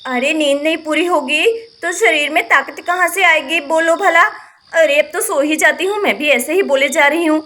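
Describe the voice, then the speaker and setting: A woman's voice: high voice, moderate pace, pushed and bright. A woman voicing a tired village wife and mother who complains and scolds, in a doll-play story. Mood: weary. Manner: complaining, nagging.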